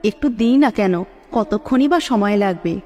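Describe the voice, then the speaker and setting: A woman's voice: mid-range voice, animated, unhurried, dull audio, close to an everyday voice. A woman playing a nervous, pleading young wife. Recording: long hall reverb, soft sitar music.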